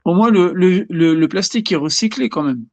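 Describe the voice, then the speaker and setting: A man talking as a beatmaker guest in a casual live-stream chat, lively and quick to chime in. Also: sits high, no echo.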